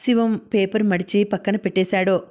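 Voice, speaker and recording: A woman narrating a novel as an audiobook in a steady, even reading. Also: mid-range voice, normal speed, highs cut off.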